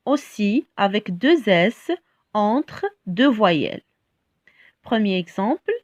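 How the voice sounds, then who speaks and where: Slow, careful woman teaching French spelling. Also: mid-range voice, warm tone, no echo. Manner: slow and careful, repeating words and spelling out letters. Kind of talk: spelling lesson for beginners. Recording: dull lo-fi sound, dry.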